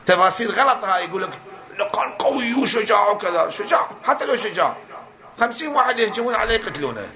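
A man's voice: sits high, very animated, quick pace, bright, forceful tone. A man giving a religious lecture, emphatic, often asking and then answering his own rhetorical questions. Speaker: preacher.

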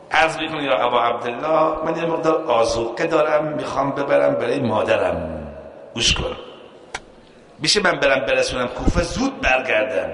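A man's voice: medium pitch, fairly bright tone. A man preaching a sermon in Persian, telling a story with quoted speech, chanted verse and rising emphasis. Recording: echoey hall.

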